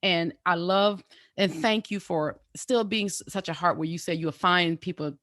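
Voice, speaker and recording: A woman's voice: on the low side, moderate pace, a bit bright, clean studio sound. A woman hosting a podcast who affirms her guest and echoes back her words. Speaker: podcast host. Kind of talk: casual interview talk.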